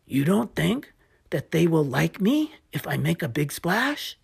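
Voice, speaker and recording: A woman's voice: low-pitched, sing-song, unhurried, creaky, darkish tone, slightly rough, heavily acted. A woman voicing an anxious, hungry young male hippo in a storybook reading, sounding worried and doubtful.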